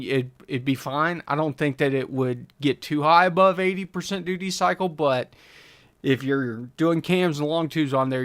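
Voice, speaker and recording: A man's voice: a little high, clean tone. A man hosting a live stream, casually reading out viewer questions and thinking aloud through his answers with frequent fillers. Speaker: livestream host answering chat questions on engine tuning. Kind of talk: casual livestream chat.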